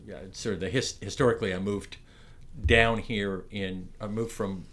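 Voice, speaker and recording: Speaking at a moderate pace with fairly even intonation, a middle-aged Canadian man from Ontario recalls being a morris dance barker. His lowish voice is loud and projecting, and the rambling interview is full of restarts and fillers, with slight background noise.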